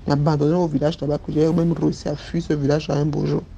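A woman's voice: deep voice, flat delivery, quick pace, vocal fry, mellow, lo-fi sound, slight background noise. A woman giving an earnest personal testimony, recounting what happened to her step by step.

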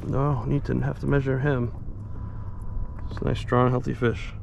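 Gravelly-voiced man narrating from a kayak. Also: medium pitch, moderate pace. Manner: talks softly to the fish while handling them. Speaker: kayak angler filming his own fishing trip. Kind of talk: casual self-narrated fishing vlog. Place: out on open water in a kayak. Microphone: action camera mounted on the kayak. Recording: steady wind and water noise behind.

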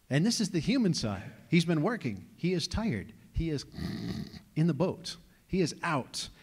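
A man in his forties from New York, preaching a sermon as lead pastor and telling wry, conversational stories. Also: a little high. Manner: joking, conversational storytelling. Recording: long reverb of a large hall.

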